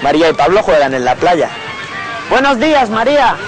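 A young man in his twenties from Spain, speaking slowly and clearly as a language-lesson presenter outdoors on a beach. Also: sits high, sing-song, music in the background, poor audio. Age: 20s. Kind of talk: slow scripted lesson talk. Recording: crowd and street noise outdoors.

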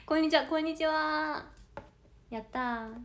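A woman's voice: sits high, measured pace, background noise. A 21-year-old woman with a Kansai Japanese accent, chatting casually on a livestream as an idol audition candidate, reading viewer comments aloud and giggling often. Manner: bubbly and giggly, with frequent laughter.

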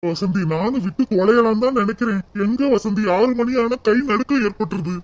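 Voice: mid-range voice, fairly quick, natural voice. Someone voicing a meek, whining broke husband. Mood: tearful. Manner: whining, repeating his wife's name. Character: broke, remorseful village husband, meek and tearful. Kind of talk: cartoon voice acting.

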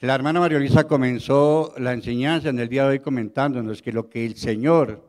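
A man's voice: medium pitch, steady tone, brisk, a little mellow. A man formally addressing his church congregation as brothers, beginning a testimony for their edification.

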